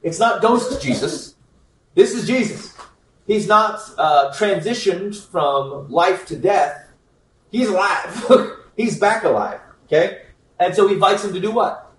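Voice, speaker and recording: A man's voice: high voice, lively intonation, unhurried, fairly bright tone, distant mic, a little hiss or hum. Man teaching scripture in an echoey room. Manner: informal, joking, checks in with frequent "okay?". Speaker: Bible teacher. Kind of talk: conversational Bible teaching to a group. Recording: echoey room, speaker away from the mic.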